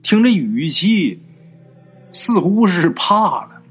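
A man's voice: sing-song, takes it slowly, breathy edge, soft background music. A man, casually telling a ghost story and acting out the characters' lines. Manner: colloquial, acts out characters' lines with big pitch jumps.

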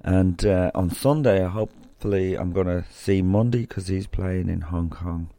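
An Irish podcast host rambles loosely through stories before moving on to interview a guest. His voice is low-pitched, mellow and a little slow, with vocal fry and no echo.

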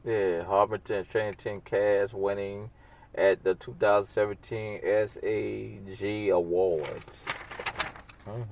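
A man's voice: lowish voice, level tone, takes it slowly, creaky, a little mellow, a little hiss or hum. A man hosting a solo podcast, rambling in a casual, sarcastic, blunt way full of slang. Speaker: podcast host.

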